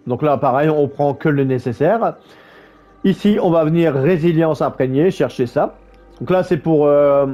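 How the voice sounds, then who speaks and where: A man's voice: mid-range voice, warm tone. A man talking through a game build in a casual voice-over, stumbling over words with many fillers and restarts. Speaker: gaming YouTuber. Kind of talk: casual gameplay guide voice-over.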